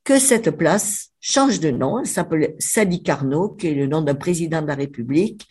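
A woman's voice: low voice, lively intonation, darkish tone, slightly rough. A woman from Avignon with a Provençal French accent, an author telling local history in a radio interview with passionate, emphatic storytelling. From Avignon, Provence, France. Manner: passionate storyteller, emphatic, slows down on key words.

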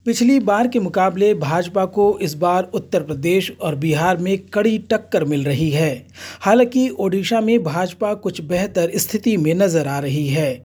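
Mellow, husky news narrator. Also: mid-range voice, measured pace. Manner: steady formal newsreading. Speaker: news anchor.

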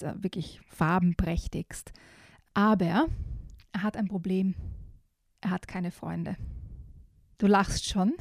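A woman presenting and reading children's picture books aloud, telling the stories warmly and speaking directly to a young listener, with some hesitations. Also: mid-range voice, no echo, studio quality. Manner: lively storytelling with shifted voices for animals.

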